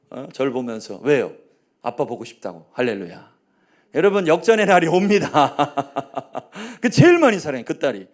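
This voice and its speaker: A man in his forties, a pastor preaching a sermon, telling family stories in a low voice and rising to loud rallying calls. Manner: swings between hushed storytelling and loud rallying calls; acts out his family's quoted lines.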